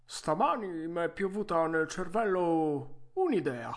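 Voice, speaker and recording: Man voicing a feisty, loud old woodcarver. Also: fairly high pitch, very animated, pitched above the performer's own voice, heavily acted. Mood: cheerful, pleading. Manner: loud, theatrical, quick to anger. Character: feisty hot-tempered old male woodcarver. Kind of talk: storybook reading.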